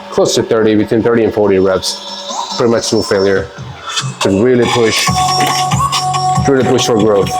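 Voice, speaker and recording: Congested from a cold, a male fitness vlogger chats through his workout, his fairly low voice sounding stuffed up. His easygoing talk wanders, full of fillers and the occasional laugh, and the audio is poor.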